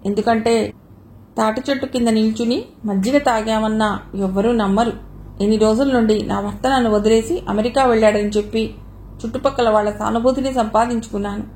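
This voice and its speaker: A woman's voice: on the high side, fairly even intonation, fairly quick, darkish tone, a little hiss or hum, natural voice. A woman reading the part of a proud young woman in an audio novel, speaking in a cool, matter-of-fact way.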